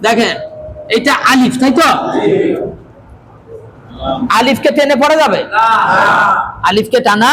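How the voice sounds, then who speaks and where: High-voiced man teaching Quran recitation. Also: normal speed, very noisy. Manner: repeats checking questions to students, stresses letters aloud. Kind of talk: classroom recitation lesson.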